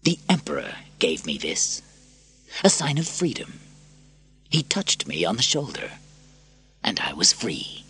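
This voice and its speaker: A man voicing a proud older former gladiator who swings from booming to hushed whispers. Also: huge pitch swings, measured pace, long pauses, slightly rough, soft background music, heavily acted. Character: older male ex-gladiator trainer, proud and fervent.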